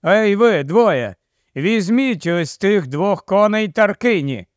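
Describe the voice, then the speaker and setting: Guy putting on a gushy vain young lady, high and chattery, dry close sound. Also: animated, takes it slowly, dry recording. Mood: gushing. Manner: gushing, loud, fussy.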